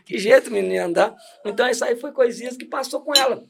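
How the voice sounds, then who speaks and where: High-voiced chatty man. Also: fast talker, vocal fry, a bit bright. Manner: chatty, laughing storyteller with many restarts. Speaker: deacon giving testimony. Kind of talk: casual testimony chat.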